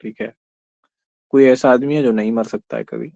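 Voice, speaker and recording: A man's voice: medium pitch, fairly even intonation, normal speed, creaky, dark tone, no echo. Guy teaching online class, explains step by step and quizzes students, mixes in english terms, dry muffled lo-fi audio. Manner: explains step by step, quizzes students, often says "theek hai". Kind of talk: online exam-prep class lecture. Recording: slightly dull lo-fi recording.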